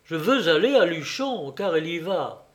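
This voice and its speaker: A man voicing a jovial young gentleman who teases and mocks his friend, in an audiobook reading. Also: fairly high pitch, very animated, normal speed. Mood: defiant. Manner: mocking, playful.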